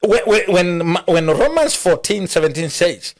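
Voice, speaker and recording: A Kenyan man, a pastor, talking in a preaching style in an interview and quoting scripture with animated emphasis. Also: high voice, normal speed. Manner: animated, quotes scripture, mixes English with Kikuyu.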